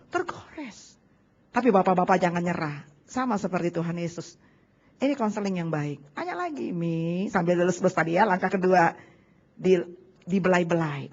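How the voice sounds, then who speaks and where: A woman preaching a sermon to a congregation, animated and asking them questions. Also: high voice, lo-fi sound. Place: church service.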